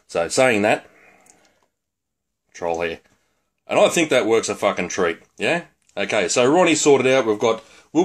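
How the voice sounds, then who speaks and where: An Australian man with a somewhat low voice rambles through a crude, profane comedic rant, blokey and offhand. It sounds recorded on a phone at home. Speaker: vlogger.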